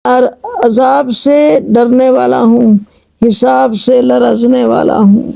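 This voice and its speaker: A woman slowly chanting devotional verses in a pleading tone, then explaining each line in measured speech. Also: on the high side, fairly even intonation, creaky, dark tone, no echo, low-quality recording. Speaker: religious reciter and translator. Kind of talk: devotional recitation with line-by-line translation.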